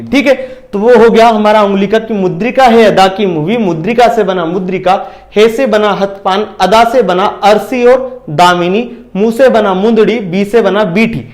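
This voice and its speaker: Brief: high-pitched male tutor, exam-prep lecture, keeps asking and answering his own questions. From India. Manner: repeats questions and answers them himself, keeps asking if it is clear. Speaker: teacher.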